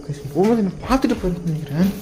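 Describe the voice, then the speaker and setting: A man's voice: high voice, expressive, rapid-fire, over music. A man ghost-hunting in an empty house at night, fearful and pleading as he calls out to a spirit.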